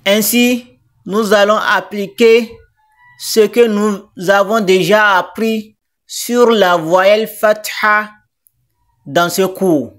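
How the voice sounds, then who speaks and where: A woman teaching a reading lesson, spelling out letters and sounds one by one in a deliberate, patient way. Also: medium pitch, steady tone, soft background music. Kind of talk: slow step-by-step lesson. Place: teaching centre.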